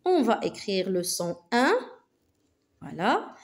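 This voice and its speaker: Woman teacher going super slow, lively up-and-down voice, says every word twice for little kids. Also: medium pitch. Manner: slow, carefully articulated, repeats words twice. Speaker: primary school teacher. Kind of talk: slow phonics lesson for young children.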